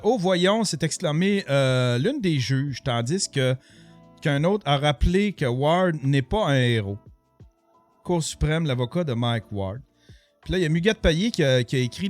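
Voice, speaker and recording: A man with a Québécois French accent, chatting casually on a live stream as he reacts to videos and reads the chat aloud, thinking out loud with many fillers and restarts. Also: fairly high pitch.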